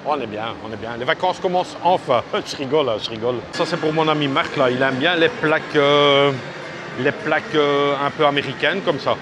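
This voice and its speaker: A man's voice: fairly high pitch, brisk. Rambling man vlogging on a noisy street. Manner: rambling, heavy on fillers and restarts; chatty and direct, addressing viewers. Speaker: travel vlogger. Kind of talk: casual walking vlog talk. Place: outdoors on a busy seaside street. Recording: street and traffic noise behind.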